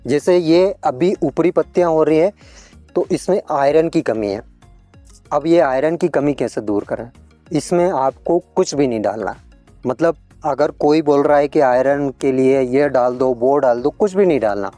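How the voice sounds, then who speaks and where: A man gives a farming tutorial, explaining patiently and calling his listeners friends. His voice sits a little high but sounds dark and mellow. The recording is dry and close, with faint background music. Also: moderate pace, no room sound. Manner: explanatory, repeatedly addressing farmers as friends. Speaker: farming advice channel host.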